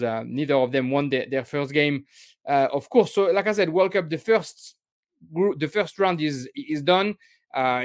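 A man's voice: a little high, no echo, studio quality. A man from France hosting a football podcast, talking casually with frequent restarts and fillers. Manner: halting, many restarts and fillers. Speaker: podcast host.

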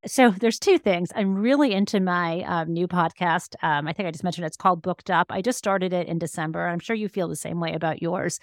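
Speaking fairly quickly with few pauses, a woman with a fairly low voice explains things as an expert podcast interview guest; she is a law professor and author. She talks conversationally and emphatically, rephrasing as she goes, on a dry, close recording with almost no room sound.

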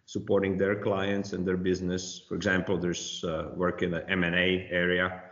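A man's voice: low voice, completely flat delivery, normal speed, fairly bright tone. A man in his forties, born in Slovakia, speaking as a guest in a casual interview with many fillers and restarts. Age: 40s. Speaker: compliance consultant, guest. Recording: muffled, roomy remote audio.

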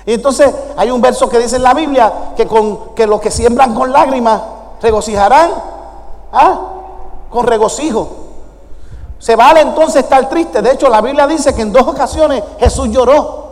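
Un pastor que predica con énfasis y hace preguntas a la congregación en una iglesia. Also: male voice, extremely high pitch, moderate pace, a little mellow. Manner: emphatic preaching with questions to the congregation. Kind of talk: sermon. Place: church sanctuary. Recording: long church hall reverb.

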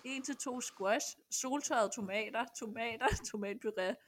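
A young woman co-hosting a podcast, chatting in an informal, giggly way. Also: a little high. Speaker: podcast co-host. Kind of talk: casual chat.

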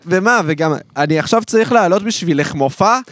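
A man's voice: sits high, expressive, a bit bright, no echo, studio quality. A man co-hosting a podcast, chatting casually, candid and joking at his own expense. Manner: candid, self-mocking humor. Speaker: podcast co-host. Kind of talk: casual chat.

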